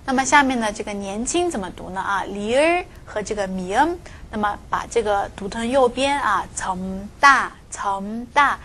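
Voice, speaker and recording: Fast-talking woman teaching pronunciation. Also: fairly high pitch, slight background noise. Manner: explains step by step, repeats example words several times; frequent filler particles at phrase ends. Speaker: Korean language teacher. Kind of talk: recorded video lesson on pronunciation.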